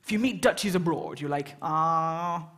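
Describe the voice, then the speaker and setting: English woman, lively pitch, joking host. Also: fairly quick. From England. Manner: joking, chatty, teasing the crowd. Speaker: event host. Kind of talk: live audience interaction on stage. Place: lecture hall with live audience.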